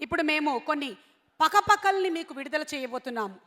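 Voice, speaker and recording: High-voiced female event anchor. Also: animated, brisk, fairly bright tone. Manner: announcing, mixing in English. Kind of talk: stage anchoring. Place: stage in a hall. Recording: echoey hall over stage PA.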